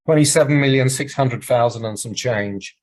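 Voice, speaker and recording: A man giving a business presentation and answering questions over a video call, speaking in a measured, explanatory way while losing his voice. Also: mid-range voice, a little mellow, poor audio. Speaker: presenter at a market research webinar.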